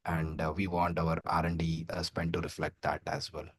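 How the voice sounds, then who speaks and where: A man's voice: rumbling low, completely flat delivery, moderate pace, a bit bright, breathy edge. A man giving a conference talk over a video call, loose and full of filler sounds. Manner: loose, many filler sounds and tag questions. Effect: heard over a video call. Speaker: guest speaker.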